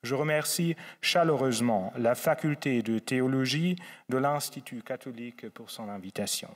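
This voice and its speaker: A man with a German accent from Saarland gives a formal, measured academic lecture as a guest theologian. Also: medium pitch. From Saarland, Germany, on the French border. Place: large lecture hall at a faculty. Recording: echoey hall with long reverb.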